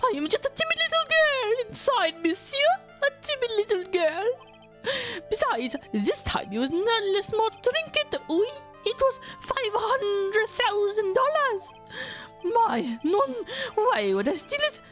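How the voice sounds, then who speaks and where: Game character: woman as flamboyant French man, very high piercing voice, French accent, whiny, swooping melodrama. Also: big pitch swings, a little slow, a bit bright, soft background music, exaggerated voice. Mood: sheepish confessing. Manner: theatrical, whiny, wailing. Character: flamboyant, melodramatic, timid effeminate French man, restaurant owner.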